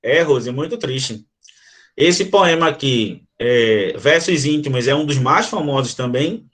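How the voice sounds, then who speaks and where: A man's voice: medium pitch, a little slow. A Brazilian man teaching a literature class, explaining a sonnet and reading its verses aloud to his students. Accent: Brazilian Portuguese. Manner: animated, addresses students directly, reads verses aloud. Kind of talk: online class explaining a poem.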